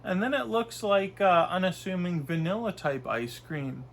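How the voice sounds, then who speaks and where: A gravelly, high-pitched voice at a moderate pace belongs to a young man from Canada reviewing food indoors in his small bedroom. He has a stuffy nose from a cold and rambles casually, frequently using fillers and starting over.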